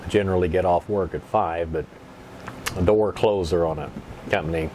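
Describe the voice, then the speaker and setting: A man chatting casually and telling stories in an unhurried, rambling, folksy way, at times with a pipe in his mouth. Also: low-pitched, fairly even intonation, noisy background. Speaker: pipe-smoking vlogger. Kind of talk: casual storytelling chat.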